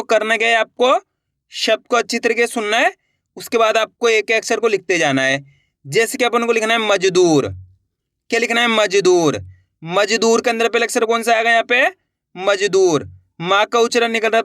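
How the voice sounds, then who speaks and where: A man's voice: sits high, a bit bright, dry recording, studio quality. A man teaching how to write words letter by letter, repeating each word and answering his own questions. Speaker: Hindi writing teacher. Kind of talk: slow step-by-step spelling lesson.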